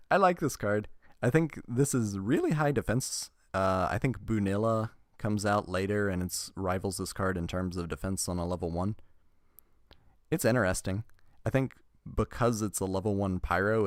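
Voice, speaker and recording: A man's voice: sits low, dry recording. Dry-sounding man chatting through card reviews. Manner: chatty, wry asides, laughs through the reading. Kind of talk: casual card review, reading card text aloud.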